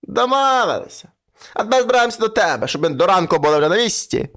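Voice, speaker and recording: A man's voice: sits high, big pitch swings, quick pace, a bit bright, full character voice. A man voicing a coaxing iron-nosed witch. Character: iron-nosed old witch, wheedling, greedy.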